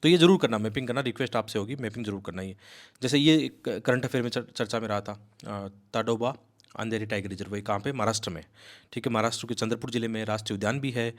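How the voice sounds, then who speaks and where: Fast-talking man teaching exam prep. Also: fairly low pitch. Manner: rapid, emphatic, coaxing students, mixes English words. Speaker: civil service exam coaching teacher. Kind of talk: fast explanatory lecture.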